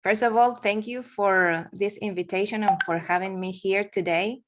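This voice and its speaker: Speaking at a moderate pace in a steady, medium-pitched voice, an Argentine guest speaker in her forties presents a webinar in English. Spanish is her first language, her accent is Argentine, and her delivery is full of fillers and restarts.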